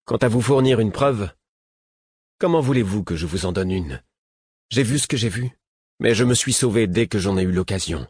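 A man's voice: on the low side, animated, moderate pace, long pauses, darkish tone, breathy edge, no room sound, clean studio sound. A man voicing an earnest young boy in an audiobook, speaking bluntly.

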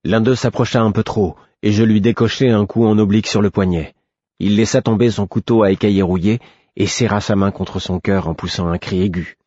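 A man narrating a novel in the first person, in a measured, even storytelling manner. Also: fairly low pitch, dry recording, lo-fi sound. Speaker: audiobook narrator.

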